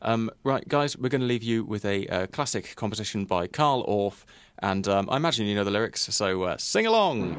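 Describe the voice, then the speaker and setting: A man's voice: fairly low pitch, animated, brisk, hardly any pauses. A man co-hosting a community radio show, wry and hesitant with stammered starts. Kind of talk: casual radio banter.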